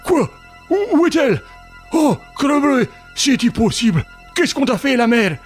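A man's voice: high-pitched, big pitch swings, normal speed, soft background music, voice pushed up. Man doing a blustering old farmer. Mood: alarmed. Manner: loud, blustering, exclaiming. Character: gruff old male farmer, greedy and hot-tempered. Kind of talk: audiobook character voice.

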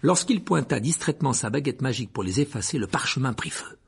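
Guy reading a storybook out loud, really husky, lively delivery. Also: mid-range voice, fast talker. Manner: expressive reading. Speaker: audiobook narrator. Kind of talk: storybook narration.

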